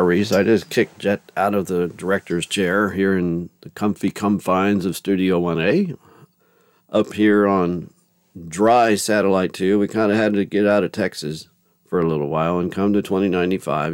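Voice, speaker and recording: Reading scripture between casual, folksy commentary, a male podcast host rambles and self-corrects, restarting often on his faith show. He speaks at normal speed in a low voice, captured in a dry, studio-quality recording.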